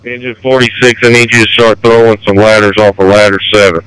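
A man's voice: on the low side, flat delivery, fairly quick, fairly bright tone, clean tone, no echo, poor audio. A man giving urgent, terse orders over fire department two-way radio as the incident commander.

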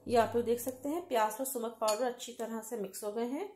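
A woman hosting a home cooking channel, calmly explaining each recipe step to viewers in a voice-over. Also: a little high, quick pace, echoey room, a little hiss or hum. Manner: calm step-by-step explaining, addresses viewers directly. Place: home kitchen.

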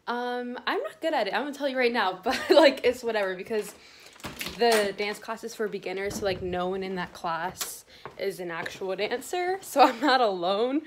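A woman's voice: medium pitch, expressive, moderate pace, a little hiss or hum. Young woman, casual vlogger, chatty and rambling, kitchen clatter behind. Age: young adult. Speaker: fitness vlogger. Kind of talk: casual vlog chat. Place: home kitchen.

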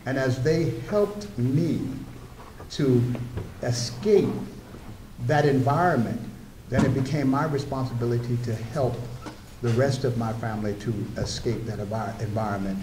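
Speaking at a measured pace in a mellow, medium-pitched voice, the older guest lecturer shares personal anecdotes from a wooden podium, turning now and then to address the audience. The roomy lecture room carries a slight hiss or hum on the podium microphone.

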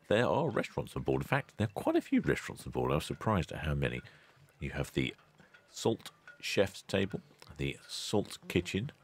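A man, hosting a ship-spotting channel in a relaxed, chatty voice-over with dry asides. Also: low-pitched. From England. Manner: chatty, dry asides, loud cheery greetings.

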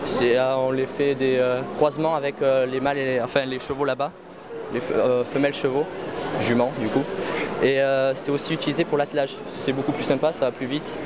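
A man's voice: medium pitch, level tone, normal speed, very noisy. A young man being interviewed at an agricultural fair, answering casually with many hesitations and fillers. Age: young adult. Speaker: breeder's son presenting donkeys. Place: busy indoor agricultural fair hall. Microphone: handheld reporter mic.

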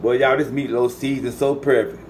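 The audio is poor, with slight background noise, but the man's mid-range voice comes through at a normal speed. A Southern U.S. cooking channel host, he narrates a laid-back vlog from his home kitchen, chatting directly to viewers and calling them "y'all."

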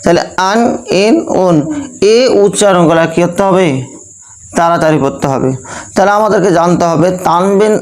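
A young man with a Bangladeshi Bengali accent leads a recitation class in a fairly high voice. He repeats each point over and over and keeps checking in with his students by asking them questions. Crickets chirp faintly behind him. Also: moderate pace, poor audio. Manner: repetitive, asks students rhetorical questions. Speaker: Quran recitation teacher. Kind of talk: classroom lesson with call-and-response.

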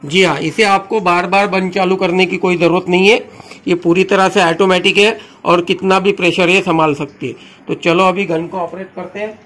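A man's voice: high-pitched, fairly even intonation, normal speed, a bit bright, a little hiss or hum. A man hosting his own channel, walking viewers through a hands-on product demo in a friendly, instructional way, often repeating a set phrase. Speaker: channel host demonstrating a car washer.

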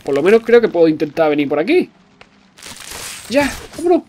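Excitable swearing gamer. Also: male voice, high voice, brisk, a little hiss or hum. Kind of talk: let's play commentary.

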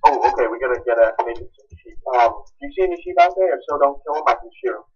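A man's voice: medium pitch, expressive, rapid-fire, slightly rough, dull audio. A man playing a game with a friend, chatting casually and making laid-back, dry quips. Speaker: guest co-player. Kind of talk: casual gameplay chat.

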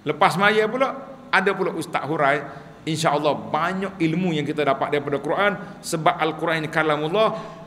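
A man's voice: fairly high pitch, fairly bright tone, long reverb tail, a little hiss or hum. A man giving a sermon lecture, telling humorous stories and acting out quotes. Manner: humorous storytelling, acts out quotes. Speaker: religious teacher.

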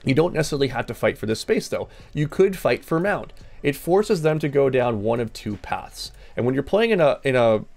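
A male coach talks a player through a match review, direct and instructive, often repeating his key points. His voice has a gravelly, creaky edge and sits at an ordinary pitch for a man. Soft music plays faintly behind him. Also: very animated, brisk, hardly any pauses. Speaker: gaming coach. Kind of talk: coaching session with game review.

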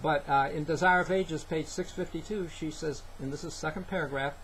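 An older man giving an earnest Bible teaching to a webcam in a small room, halting with fillers. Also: fairly high pitch, a bit bright, a little hiss or hum, low-quality recording. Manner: earnest, halting, with many fillers and scripture citations. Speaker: preacher. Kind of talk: sermon-style Bible teaching. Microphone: webcam, head-and-shoulders framing.

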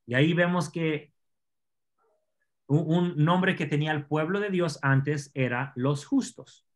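A man teaching an online scripture class, explaining Hebrew words slowly and asking his students questions. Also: a little high.

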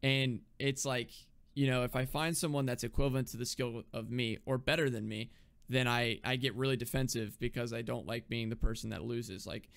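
Young man, podcast co-host, gravelly voice, rambling casual chat, self-deprecating. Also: mid-range voice, fairly even intonation, a little fast, a bit bright.

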